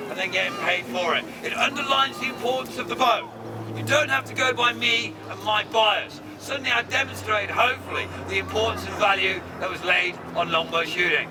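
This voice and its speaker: Loud, theatrical showman outdoors. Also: high voice. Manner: theatrical, loud, joking crowd-work. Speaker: castle archery demonstrator. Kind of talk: live outdoor show to a crowd. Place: outdoors at a castle among a crowd. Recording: distant voice with crowd and outdoor noise.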